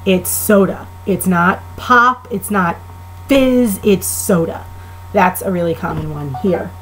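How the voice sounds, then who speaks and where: A woman's voice: lowish voice, animated, measured pace, a little mellow, a little hiss or hum, rough recording. A woman in her twenties with a Long Island New York accent, chatting casually and opinionated in a vlog, with frequent ums. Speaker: vlogger. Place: living in the Midwest.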